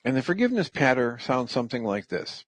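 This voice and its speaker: A middle-aged man hosting a radio show, calmly and gently walking through the steps of a practice. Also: medium pitch, quick pace, no echo. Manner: calm, gentle, step-by-step explaining. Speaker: radio host. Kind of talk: reflective talk radio teaching.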